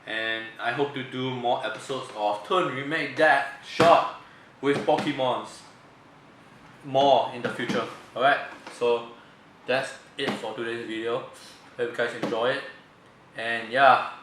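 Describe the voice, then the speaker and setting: A man's voice: mid-range voice, fairly even intonation, unhurried, fairly bright tone. A man with a sick voice chatting loosely through his photo edits in a rambling tutorial vlog. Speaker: photo editing vlogger. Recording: echoey room with background noise.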